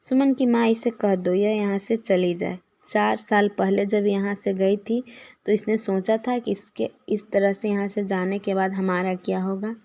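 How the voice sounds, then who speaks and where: A woman's voice: medium pitch, fairly even intonation, measured pace, dark tone, natural voice. A woman voicing a stern elderly father who is proud and grieving, speaking firmly.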